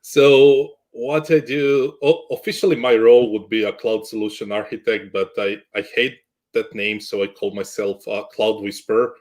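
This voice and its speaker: A man's voice: fairly low pitch, fairly even intonation, moderate pace, a little mellow. A man from Croatia, a guest in a casual interview chat, good-humored and jokey, often restarting his sentences. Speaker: guest, cloud architect.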